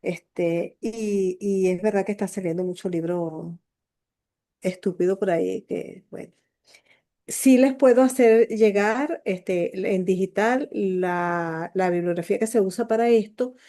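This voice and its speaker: A woman literature professor, chatting informally with her students at the close of a class, with filler pauses. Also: medium pitch, warm tone. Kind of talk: closing remarks in an online class.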